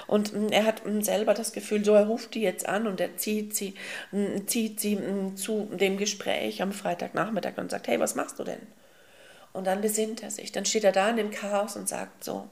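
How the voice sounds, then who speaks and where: A woman as a spiritual teacher, telling a slow, emphatic parable and addressing her listeners as souls and beloved ones, with soft humming fillers. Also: mid-range voice, fairly even intonation, vocal fry.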